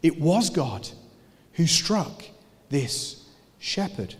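A man's voice: a little high, very animated, extremely slow. A man preaching a sermon, earnest and emphatic, putting rhetorical questions to his listeners. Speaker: pastor. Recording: long hall reverb.

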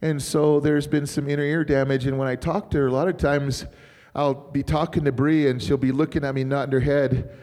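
A man's voice: mid-range voice, little pitch movement, fairly quick, a little mellow. A middle-aged man, a pastor, telling stories in a rambling, chatty sermon and laughing often. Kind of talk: informal sermon storytelling. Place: church. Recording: reverberant church hall.

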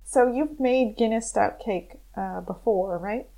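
A woman's voice: on the high side, unhurried, gravelly, warm tone, poor audio. A woman co-hosting a podcast in casual, conversational talk. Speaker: podcast co-host. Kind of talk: casual chat.

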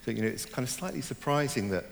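A man's voice: mid-range voice, animated, fast talker, creaky, big-room sound, slight background noise. A middle-aged man, a novelist born in Germany and raised in Hong Kong, talks through his ideas in an interview, thoughtful and hesitant, with many fillers and restarts. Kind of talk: reflective interview conversation.

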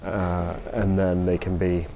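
Low, mellow man, fairly even. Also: slow pace, slight background noise. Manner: hesitant, thoughtful. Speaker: community support project worker. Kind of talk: informal interview answers.

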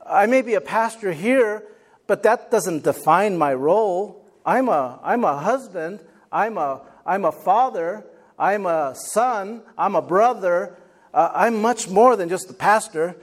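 A man's voice: high-pitched, animated, unhurried. A man preaching a motivational sermon as a pastor, emphatic and repeating his phrases, prompting his listeners as he goes. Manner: prompts listeners with questions and calls for amen.

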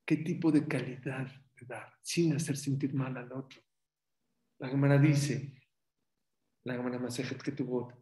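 Male rabbi, mid-pitched, animated storytelling sermon, room reverb. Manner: animated storyteller, voice rising sharply at dramatic points. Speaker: rabbi teaching a Torah class.

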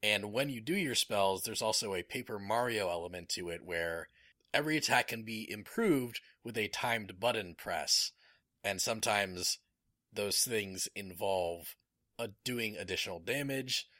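An enthusiastic man in casual podcast chat who rambles with plenty of fillers. His voice is fairly low but bright and forceful. The sound is dry and close. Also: lively intonation, measured pace, no room sound.

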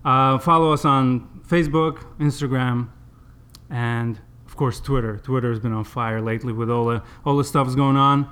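A man's voice: mid-range voice, steady tone, normal speed, fairly bright tone, smooth. A man hosting a casual sports podcast, chatty and informal, his speech slightly impeded by new braces. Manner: chatty, informal, addresses listeners directly. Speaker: podcast host.

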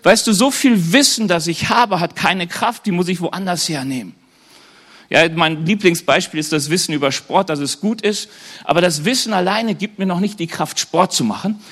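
A man with a notably high voice preaches to a congregation. He keeps the tone conversational, often checks in with his listeners through questions, and adds light humorous asides. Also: moderate pace, a bit bright. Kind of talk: sermon to a live congregation.

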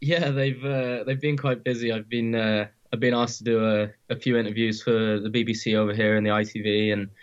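A man's voice: lowish voice, muffled recording. A man from Surrey in England with a Home Counties accent, speaking modestly and a little hesitantly as a hockey player being interviewed. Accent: Home Counties English. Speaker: interview guest, professional ice hockey player. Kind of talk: casual interview.

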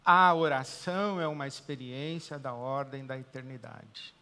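A man with a Brazilian Portuguese accent preaching a sermon as pastor, swinging between loud emphatic declarations and quiet, hushed pauses. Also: mid-range voice, in a large hall.

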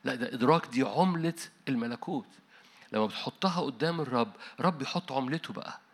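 A man with an Egyptian Arabic accent preaching a sermon, emphatic and full of rhetorical questions, dropping his voice low at the close. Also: fast.

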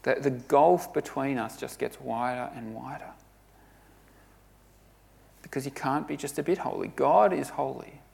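A man preaching a sermon, earnest and emphatic, often dropping to a hush for weight. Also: medium pitch, measured pace, vocal fry, long pauses.

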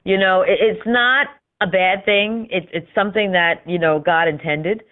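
A woman's voice: mid-range voice, normal speed. A woman hosting an interview, affirming her guest often and using many fillers. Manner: affirming, repeats "right", fillers. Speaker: interview host. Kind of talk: conversational interview. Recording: tinny phone-line sound.

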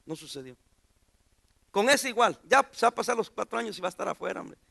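A man's voice: high voice, expressive, fast talker, creaky, sharp tone. A pastor preaching an informal sermon in a church, joking and putting questions to his congregation.

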